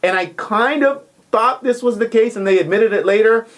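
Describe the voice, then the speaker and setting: A man co-hosting a casual recap chat, animated and jokey. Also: normal speed. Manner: animated, jokey, big pitch swings. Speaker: co-host.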